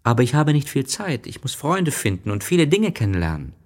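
A man's voice: big pitch swings, fairly quick. A man voicing a small, curious boy prince in an audiobook reading, asking earnest questions in a raised, eager voice. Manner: eager, questioning, high-pitched.

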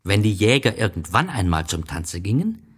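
A man voicing a wise, gentle fox in an audiobook reading, explaining things patiently and with a wistful tone. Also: fairly low pitch, very animated, normal speed, slightly rough, pitched above the performer's own voice.

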